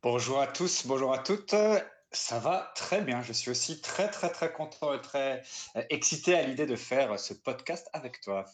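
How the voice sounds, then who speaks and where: A man in his thirties from Alsace, a guest in a casual interview, telling stories lively and acting out quoted dialogue, heard over a lo-fi phone line. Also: medium pitch, moderate pace, a little hiss or hum. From France (Alsace). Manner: lively storyteller who acts out quoted dialogue. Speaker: guest improviser.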